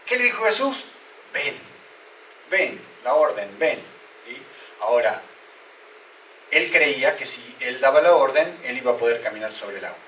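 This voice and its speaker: A man's voice: mid-range voice, sing-song, moderate pace, fairly bright tone, slight background noise. A male pastor preaching a sermon and asking his listeners many rhetorical questions. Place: church hall. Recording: roomy, echoey church hall, mic at a distance.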